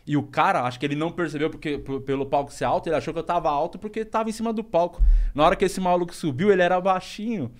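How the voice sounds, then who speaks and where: Fast-talking comedian, slangy. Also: male voice, on the high side. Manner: slangy, animated, swearing freely. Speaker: guest stand-up comedian. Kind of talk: casual storytelling on a podcast.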